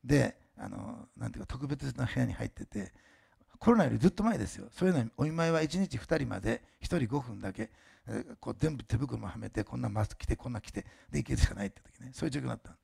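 An older male pastor giving a sermon with a personal testimony, talking fast and emphatically with chatty asides and restarts, and admitting his diction has slurred lately. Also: mid-range voice, very animated, creaky, darkish tone, breathy edge.

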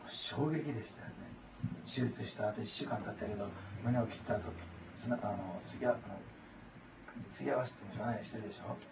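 Talking fast with a fairly low, fry-laden voice, a pastor shares his testimony in an earnest and emotional sermon. He often slips "ne" into his sentences. The recording comes from far away in a noisy room full of echo.

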